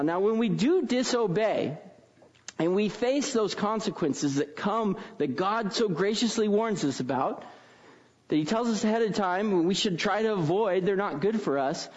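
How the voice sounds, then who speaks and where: Male pastor, light high voice, casual storytelling sermon delivery, muffled lo-fi recording. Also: darkish tone. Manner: casual, frequent tag questions.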